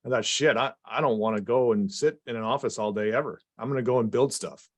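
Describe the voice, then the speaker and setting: A man's voice: mid-range voice, fast talker, no echo. Frank guy co-hosting, swears a bit, dry close mic. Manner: frank, casual, mild swearing. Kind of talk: casual podcast conversation.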